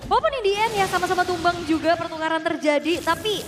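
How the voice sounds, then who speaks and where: A woman with an Indonesian accent commentating an esports match, explaining the play in an animated, conversational way. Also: very high-pitched, fast talker, background noise. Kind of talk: excited esports match analysis. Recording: loud music behind the voice. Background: loud music.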